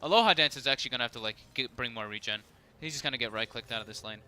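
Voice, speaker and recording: A man breaking down a live esports match at a rapid clip, with a very bright, sharp voice. He fills his analysis with casual fillers as he explains. A faint hiss sits under the voice. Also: mid-range voice. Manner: fast, analytical, many fillers like "like" and "you know". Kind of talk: live esports color commentary.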